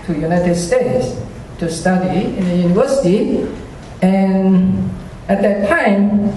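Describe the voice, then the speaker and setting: A man from China gives a personal faith testimony to a church congregation, speaking slowly in a high voice with a dark tone. He's hesitant and self-deprecating, using many fillers and chuckling often. He stands far from the mic in an echoey hall, with slight background noise.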